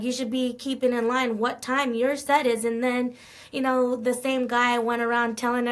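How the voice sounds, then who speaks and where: A woman's voice: on the high side, fairly bright tone. A middle-aged woman, a festival promoter, telling blunt stories full of swearing and quoted back-and-forth. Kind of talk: casual interview chat.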